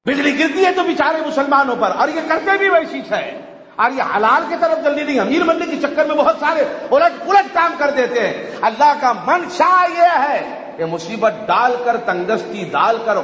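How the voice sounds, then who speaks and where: A man preaching a sermon with passion, dropping to low murmurs and rising to shouts. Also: a little hiss or hum. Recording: echoey hall, dull lo-fi sound, faint ambience.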